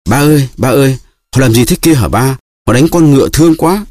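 A man's voice: medium pitch, expressive, brisk, darkish tone, no echo, studio quality, voice pushed up, lightly acted. A man voicing a frightened little boy who cries out to his father, in an audiobook reading. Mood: distressed. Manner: crying out, pleading.

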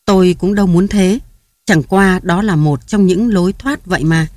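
A woman's voice: lowish voice, normal speed, a little mellow, dry recording, clean studio sound, lightly acted. A woman reading the part of a scheming middle-aged man who presses a grieving wife to hand over her money. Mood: persuasive. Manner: persuasive, pressing.

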